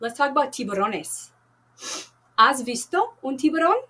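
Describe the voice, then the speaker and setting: A woman teaches a Spanish class, reading a novel aloud and leading activities while speaking slowly and clearly, repeating and translating words. Her voice is high and sharp-toned, with big swings in pitch.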